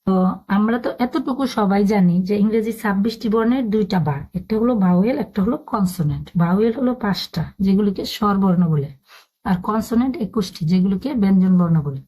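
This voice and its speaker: A woman's voice: medium pitch, fast talker, dark tone. Patient woman teaching English spelling. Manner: patient, spells words letter by letter. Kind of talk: spoken lesson.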